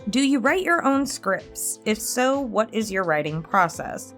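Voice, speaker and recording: Slightly high, sing-song and a bit bright, this woman speaks at a measured pace as she answers subscriber questions on her ASMR channel. She's in her late twenties, candidly rambling through personal stories with small chuckles, over instrumental background music.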